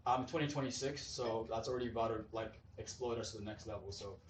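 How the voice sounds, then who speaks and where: A man from Zimbabwe, a startup founder, pitching his company and then answering audience questions with eager, salesy energy. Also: fast. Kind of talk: pitch presentation and Q&A. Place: event hall. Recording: roomy hall, distant mic, faint noise.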